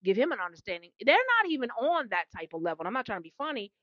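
A woman's voice: a little high, very animated, very fast, no room sound, dull audio. A woman who calls herself a prophetess, preaching with fervent, repetitive energy and call-and-response asides. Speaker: self-described prophetess. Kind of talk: impassioned preaching monologue.

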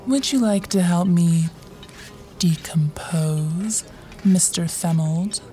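Very slow, coy talking tomato. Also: female voice, on the low side, mellow, soft background music. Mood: coy, flirtatious. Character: friendly, flirtatious female rotten tomato. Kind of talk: audio drama acting.

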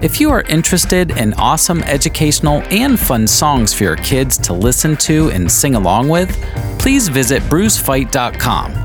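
A man's voice: medium pitch, sing-song, moderate pace. A man hosting a children's music podcast in a scripted, friendly presenting style.

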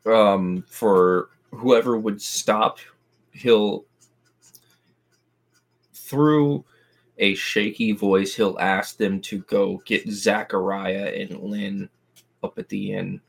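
Man, tabletop player, very slow, flat, gravelly, low. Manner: slow, halting narration of actions. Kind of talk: describing his character's actions in a tabletop game.

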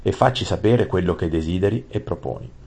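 A man voicing a calm old king who speaks in stately, measured proverbs. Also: low-pitched, vocal fry, husky, full character voice.

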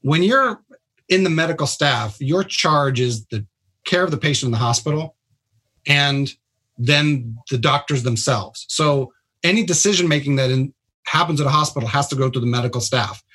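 A hospital doctor talks on a radio show in a forceful, husky voice of medium pitch, bright and at normal speed. His explanations are casual and plain-spoken.

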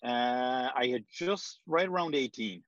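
A guest on an interview, an Irish real estate agent in his forties, answers questions in a rambling, hesitant manner full of ums. His medium-pitched voice is expressive and fairly bright, and he speaks at a measured pace. The recording is dry and has a dull lo-fi sound.

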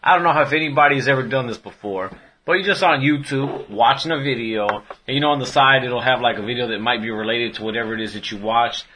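A man's voice: mid-range voice, fast, pushed and bright, slight background noise. A man in his late twenties co-hosting a casual podcast chat, laid-back and full of slang. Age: 20s. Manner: laid-back slangy, says fool often. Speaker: podcast co-host.

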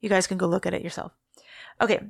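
A woman's voice: fairly low pitch, steady tone, fast, gravelly, no room sound, clean studio sound. A woman co-hosting a podcast, casually recounting a true-crime story and often correcting herself mid-sentence. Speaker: podcast co-host.

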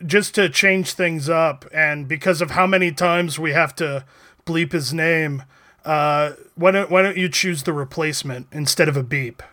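Male podcast co-host, bright high voice, dry nerdy humor. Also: unhurried. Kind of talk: casual chat.

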